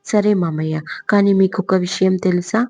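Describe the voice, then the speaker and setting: A woman's voice: medium pitch, fairly even intonation, moderate pace, dry recording, lightly acted. Woman voicing a timid shy young girl. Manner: hesitant, quiet, sulky. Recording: dull lo-fi recording.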